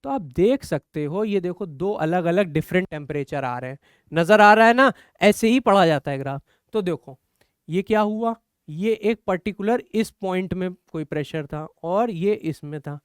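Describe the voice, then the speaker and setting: High, clear-voiced man teaching chemistry. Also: lively intonation, normal speed, dry recording, clean studio sound. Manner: encouraging, explains step by step with rhetorical questions. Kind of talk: online exam-prep lecture.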